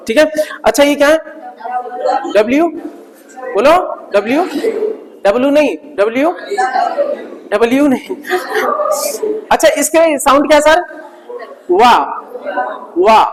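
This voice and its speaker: A man's voice: very high-pitched, big-room sound, rough recording. A man teaching a live English class, drilling letter sounds over and over in a playful, teasing way. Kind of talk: live online grammar class.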